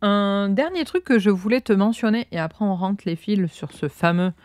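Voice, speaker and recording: A woman's voice: medium pitch, normal speed, darkish tone, no echo. A woman with a Cantal accent from Auvergne, hosting a podcast and chatting casually while she crochets, rambling with many fillers. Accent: Cantal, Auvergne French. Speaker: podcast host. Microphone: own close microphone.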